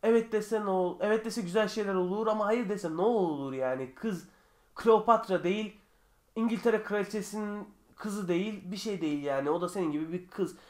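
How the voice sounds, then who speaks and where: A young man answering viewer questions in a casual vlog from his bedroom, chatty and joking, sometimes getting heated. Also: high voice. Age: young adult. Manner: chatty, joking, quick shifts between calm and heated.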